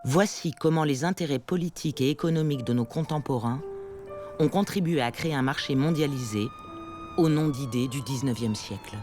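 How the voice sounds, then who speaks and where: A man narrating a documentary in a measured, explanatory scripted voice. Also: medium pitch, music in the background.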